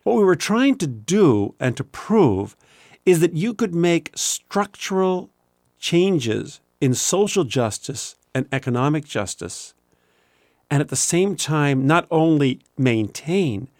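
A man answering in an interview in a deliberate, emphatic way. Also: on the high side, big pitch swings, a little mellow, dry recording, studio quality. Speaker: author interviewee.

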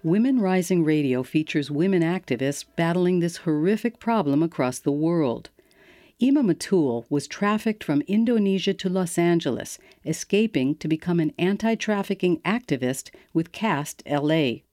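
A woman hosting a radio program, giving scripted narration in a measured, steady way. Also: lowish voice, no room sound, studio quality. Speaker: radio host.

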